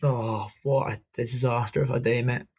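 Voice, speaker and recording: A young adult man with a Scottish Highland accent, chatting casually about sport in a colloquial, matey storytelling way as a podcast co-host. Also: steady tone, normal speed, darkish tone, breathy edge. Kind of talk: casual football chat.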